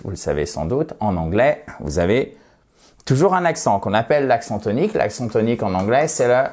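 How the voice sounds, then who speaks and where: A man teaching a video lesson in a chatty, friendly way, with playful asides, slowing down to stress words. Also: medium pitch, a little mellow. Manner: slows down and stresses words to show how they are said. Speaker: language teacher.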